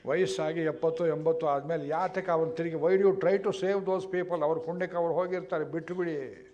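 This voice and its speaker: Man doing a scripture talk in a hall, kinda high voice, animated storyteller, muffled recording. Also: normal speed. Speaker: religious scholar giving a discourse. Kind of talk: storytelling discourse with chanted verses. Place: lecture hall. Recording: dull lo-fi recording.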